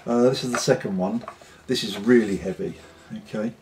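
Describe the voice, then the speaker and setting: A British man in a casual, unscripted vlog chat, talking in an unhurried, rambling way with pauses. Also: lowish voice, darkish tone, slight background noise. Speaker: pipe-smoking vlogger.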